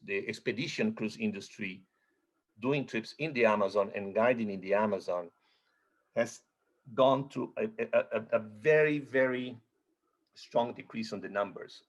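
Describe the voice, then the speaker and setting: A man from Chile speaking as a guest on a video-call webinar panel, often repeating words as he searches for what to say. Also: on the low side. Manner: halting, repeats words while searching for phrasing. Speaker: panel guest, expedition cruise guide.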